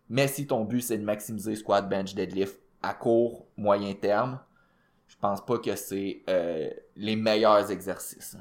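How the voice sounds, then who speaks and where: Lowish and a touch mellow, the voice is that of a man with a Québécois French accent who coaches powerlifting and co-hosts a fitness podcast. He discusses training casually, heavy on fillers and English gym expressions.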